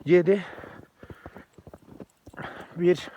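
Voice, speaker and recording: A man's voice: sits high, steady tone, extremely slow, mellow, dull audio, slight background noise. A Turkish village farmer vlogging casually outdoors in the snow while he walks, chatting to the camera and praising his dogs. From Turkey. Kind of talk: casual walking vlog. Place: outdoors in snowy countryside.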